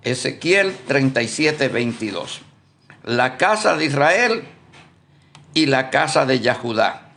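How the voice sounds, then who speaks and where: A man giving a live-streamed Bible study. He speaks deliberately, repeats himself, corrects himself as he thinks aloud, and keeps checking in with his listeners. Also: mid-range voice, big pitch swings, creaky, pushed and bright. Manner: deliberate, repetitive, often asks "¿Vio?".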